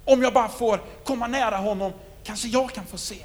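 A man voicing a blind adult male beggar, earnest and hopeful, speaking softly in a retold scripture story. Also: high voice, in a large hall, lightly acted.

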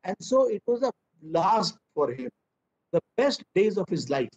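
Chatty Indian-accented man, high voice. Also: big pitch swings, measured pace, darkish tone. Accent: Indian English. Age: 50s. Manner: chatty, humorous, mixes in Hindi. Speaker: children's author. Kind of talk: storytelling workshop talk. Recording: dull lo-fi recording.

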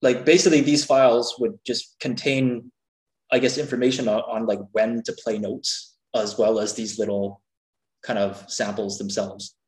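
A man's voice: medium pitch, flat delivery, moderate pace, darkish tone. Middle-aged man talking unscripted in echoey room. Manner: candid, loose, hedging explanations. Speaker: podcast guest, game music maker. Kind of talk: casual unscripted chat. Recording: echoey, roomy sound.

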